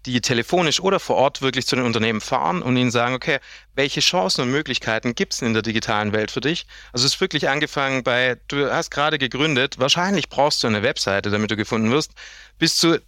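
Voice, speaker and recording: Man, 30s, from Germany, sales director as guest; bright tone, dry close sound, lively long explanations. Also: mid-range voice, quick pace, dry recording. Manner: lively, explains at length with acted-out client quotes. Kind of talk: casual interview chat.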